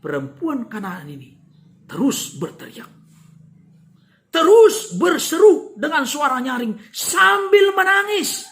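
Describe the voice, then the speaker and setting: A woman's voice: high-pitched, wildly swooping pitch, slow, long pauses. A woman preacher giving a dramatic storytelling sermon, often addressing the congregation directly.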